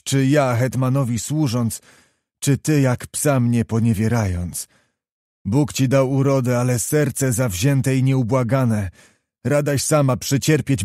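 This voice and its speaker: A man's voice: mid-range voice, mellow, no echo, clean studio sound, natural voice. A man voicing a proud, hot-tempered young noble officer in an audiobook, speaking with vehement, reproachful insistence.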